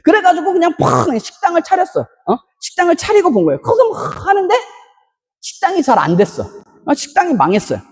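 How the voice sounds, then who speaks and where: A Korean pastor preaching an emphatic sermon in a church, breaking into loud shouted bursts between storytelling asides. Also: very high voice, huge pitch swings, fast. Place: church sanctuary. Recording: long reverb of a church hall.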